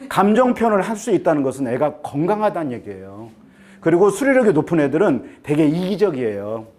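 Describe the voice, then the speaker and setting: A man talks to a room of parents about school choice and admissions. His voice sits a little high and moves around a great deal. He jokes with the crowd and keeps checking that they agree with him. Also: sing-song, brisk, darkish tone. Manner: joking, chatty, keeps asking the audience to agree. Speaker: admissions consultant giving a talk to parents. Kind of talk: lecture to parents. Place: seminar room with an audience.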